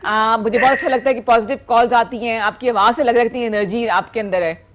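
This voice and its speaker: A woman's voice: a little high, fairly even intonation, quick pace, a bit bright, a little hiss or hum. A woman with a Pakistani Urdu accent hosting a live morning TV show, chatting with guests and callers and mixing in English phrases. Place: TV studio.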